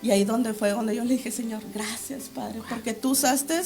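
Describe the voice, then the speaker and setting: High-voiced woman giving a fervent testimony. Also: fairly even intonation, moderate pace, creaky, darkish tone, faint music behind. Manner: fervent, reenacts her prayers aloud. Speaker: interview guest. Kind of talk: religious testimony.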